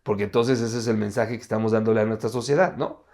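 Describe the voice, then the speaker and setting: A man's voice: lowish voice, fairly even intonation, quick pace, darkish tone. A man preaching a sermon at an online Sunday service. He talks in a conversational way and keeps asking his listeners rhetorical questions.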